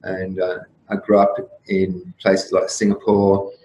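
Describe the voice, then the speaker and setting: Low-voiced man in his fifties, roomy sound. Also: completely flat delivery, unhurried. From Australia. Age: 50s. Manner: reflective, rambling, with frequent restarts and soft laughs. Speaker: guest. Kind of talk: casual interview talk. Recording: roomy echo with faint room noise.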